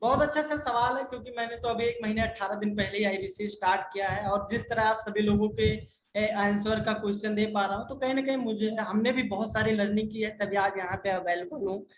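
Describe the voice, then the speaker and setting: A man, a business consultant, answering viewer questions in an insistent, repetitive sales pitch and often calling the listener sir. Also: fairly even intonation, fairly quick. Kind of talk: persuasive sales talk in a live Q&A. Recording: echoey room with faint noise.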